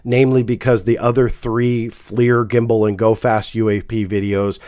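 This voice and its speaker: A man's voice: on the low side, level tone, moderate pace, mellow, smooth, no echo, clean studio sound. A man hosting his own channel, talking frankly with a nasal voice from a cold and lots of "uh" fillers. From California. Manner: frank, apologetic, frequent fillers. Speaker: host. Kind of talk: casual video commentary.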